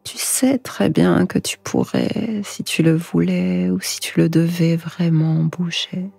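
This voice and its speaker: Slow, breathy woman whispering right in your ear. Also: fairly low pitch, very animated, dark tone. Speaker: hypnosis guide. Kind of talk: whispered sleep hypnosis, guided relaxation. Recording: echoing voice over music. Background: music.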